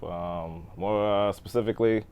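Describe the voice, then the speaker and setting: A man in his thirties, born in Texas and raised in Boston, guests on an interview podcast and tells casual stories about growing up. His voice is on the low side, clear and resonant, at a measured pace, though full of fillers and trailing off; the audio sounds dull.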